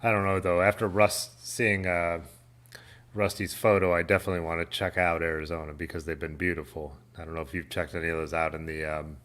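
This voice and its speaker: Deep-voiced male host, relaxed and jokey, quick to laugh. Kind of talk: casual chat.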